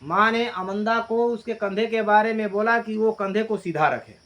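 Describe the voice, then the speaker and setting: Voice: mid-range voice, normal speed, fairly bright tone. Teacher voice for a class lesson, emphatic and repetitive, quizzes the class and then answers. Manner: mixes Hindi with read-out English lines; emphatic, repeats key lines. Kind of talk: classroom poem explanation.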